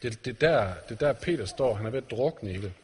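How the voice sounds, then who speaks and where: A husky, expressive male voice at medium pitch belongs to a preacher giving an earnest sermon. He asks the congregation direct questions, and the church hall lends the recording a strong reverb.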